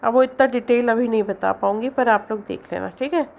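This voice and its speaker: A woman teaching an English syllabus lesson in Hindi, explaining slowly and stretching out the example words. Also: a little high, vocal fry, darkish tone.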